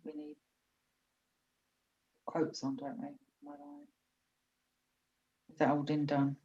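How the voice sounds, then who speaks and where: A woman chairing a council meeting over a video call, asking brisk questions while her audio glitches and drops out. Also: deep voice, sing-song, vocal fry, dark tone. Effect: glitchy dropping-out video call audio. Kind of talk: formal meeting business. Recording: dull lo-fi video call sound.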